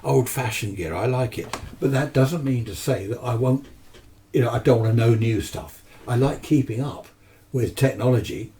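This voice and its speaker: In his seventies and British-accented, this amateur radio presenter chats casually to camera, wandering off topic and answering his own questions with enthusiasm. His medium-pitched voice has a dark tone and moves at a moderate pace, with slight background noise on the distant mic.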